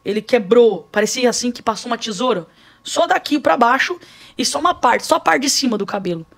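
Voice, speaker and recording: Woman, fairly high voice, vivid storyteller, podcast guest testimony. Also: lively intonation, a little fast, gravelly, a bit bright. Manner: vivid storyteller, acts out scenes. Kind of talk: personal spiritual testimony.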